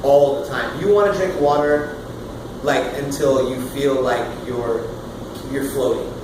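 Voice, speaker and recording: A man in his thirties leading a casual singing workshop, loud and animated, swearing now and then and demonstrating sounds as he explains. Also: medium pitch, measured pace. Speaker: vocal coach. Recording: roomy, far from the mic, with room noise.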